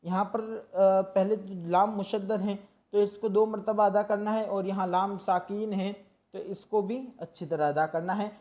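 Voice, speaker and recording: A teacher with a mellow, darkish voice walks through a Quran reading lesson, explaining each rule patiently. Syllables are stretched out slowly to show how they should sound. The recording is dull and lo-fi. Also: medium pitch, fairly even intonation. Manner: patient and instructive, drawing out syllables to demonstrate. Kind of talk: tajweed lesson, explaining and slowly demonstrating recitation.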